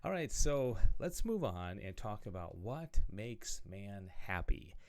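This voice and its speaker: A man's voice: fairly low pitch, big pitch swings, slow, a little mellow. A man giving a conversational video lecture on theology, often checking in with "okay?" and "right?" as he explains passages he reads aloud. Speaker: religious studies teacher.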